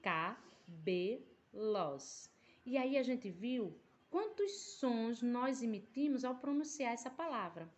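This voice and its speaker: A woman's voice: a little high, very animated, unhurried, hardly any pauses, darkish tone, highs cut off. A woman teaching a primary school language lesson, explaining patiently and drawing out syllables, with a Brazilian Portuguese accent. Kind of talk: recorded remote class lesson.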